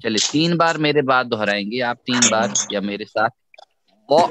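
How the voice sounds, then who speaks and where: A man with an Urdu accent teaching a Quran recitation lesson online, slowly and patiently modeling sounds for a student to repeat. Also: mid-range voice, animated, background noise.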